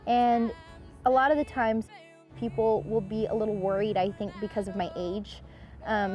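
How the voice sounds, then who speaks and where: A woman's voice: mid-range voice, a little mellow. A young woman in her late teens, a cowboy musician, talking earnestly in an interview. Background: music under the voice.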